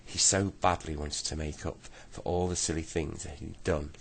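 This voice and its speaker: A man reading a children's bedtime story aloud in a gentle, steady way. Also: very deep voice, moderate pace, creaky, a little hiss or hum.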